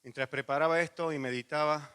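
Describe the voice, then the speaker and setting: A middle-aged man with a Rioplatense accent delivers a sermon, telling lively personal anecdotes and then dropping into quiet, earnest appeals. His tone is bright and forward. His voice sits a little high for a man. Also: fairly quick, clean tone. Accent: Rioplatense Spanish. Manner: animated storytelling with laughs, then quiet intimate pleading. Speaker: pastor.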